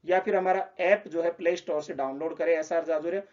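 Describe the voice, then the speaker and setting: A man's voice: on the high side, fairly even intonation, brisk, darkish tone, highs cut off. A man explaining a lesson, patiently repeating example words. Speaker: teacher.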